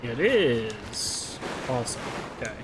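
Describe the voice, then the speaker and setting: A man talks slowly and unhurriedly while he plays, muttering his thoughts to himself as he works out where to go. His voice sits at an ordinary pitch. Game sounds play clearly behind him. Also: sing-song, very noisy. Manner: mutters to himself, thinks aloud. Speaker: game streamer. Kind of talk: casual gameplay commentary.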